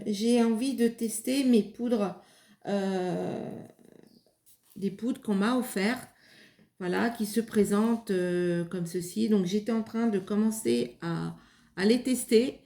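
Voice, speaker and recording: A woman's voice: mid-range voice, slow pace, mellow. A woman hosting a craft video, talking casually and hesitantly as she demonstrates and tests materials. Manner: hesitant, many fillers and restarts. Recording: echoey room.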